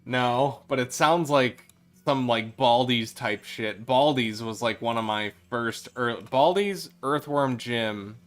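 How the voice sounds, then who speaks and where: Taking his time, a young Midwestern man offers casual, nostalgic commentary on the game he's streaming, laughing and swearing here and there. His voice sits at medium pitch.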